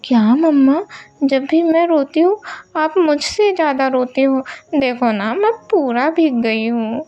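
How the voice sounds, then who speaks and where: A woman's voice: sits high, unhurried, dull audio, pitched above the performer's own voice. Woman doing a pleading young girl. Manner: pleading, childlike and whiny. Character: sweet twelve-year-old girl talking to the sky.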